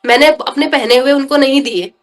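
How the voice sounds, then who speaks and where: A woman's voice: high voice, brisk. A woman guest earnestly recounting a personal devotional experience in an interview, often turning to the host as she tells it. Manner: earnest, emotional storytelling, often addressing the host as brother. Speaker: podcast guest.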